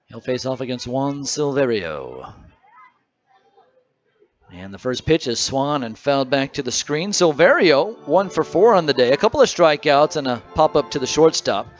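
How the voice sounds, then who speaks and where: A man announcing a baseball game play-by-play, reading stats and scores between pitches in a conversational way. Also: sing-song, moderate pace, dull audio, soft background music. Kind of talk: radio baseball commentary.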